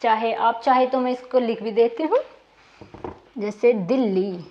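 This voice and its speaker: A woman's voice: a little high, moderate pace, darkish tone, muffled recording, a little hiss or hum. A woman teaching a lesson on Hindi consonants, patiently demonstrating each sound and repeating it for her students.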